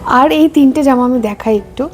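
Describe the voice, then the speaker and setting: A young woman chatting softly and casually in her own vlog. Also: high voice, normal speed, a little hiss or hum. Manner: soft-spoken, chatty, speaks quietly while baby sleeps. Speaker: vlogger.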